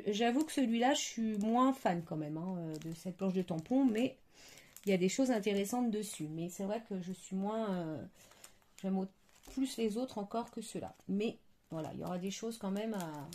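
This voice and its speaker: Gravelly-voiced woman showing craft supplies. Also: mid-range voice, a little mellow. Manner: hesitant, many fillers and searching for words. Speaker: crafting vlogger. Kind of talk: casual product show-and-tell.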